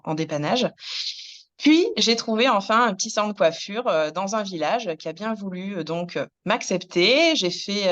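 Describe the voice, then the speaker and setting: A woman in her thirties, a hairdresser, recounting her career in a hesitant interview, with many pauses and restarts. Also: lowish voice. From France. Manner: many fillers and restarts, soft laughs. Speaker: hairdresser and business founder, interviewee. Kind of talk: hesitant personal storytelling.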